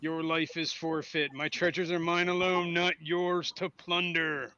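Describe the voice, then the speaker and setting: Man voicing possessive undead guardian, slow and menacing, thin lo-fi sound. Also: fairly high pitch, little pitch movement, bright, forceful tone, clear, resonant tone, no echo. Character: hostile male undead guardian hoarding treasure.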